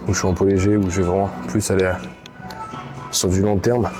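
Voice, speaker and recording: A man's voice: deep voice, little pitch movement, a little fast. A man with a Swiss French accent talking casually through his workout in a gym, hesitant and full of fillers, tired late at night. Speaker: gym vlogger. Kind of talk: casual workout vlog talk. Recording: gym recording with loud background music.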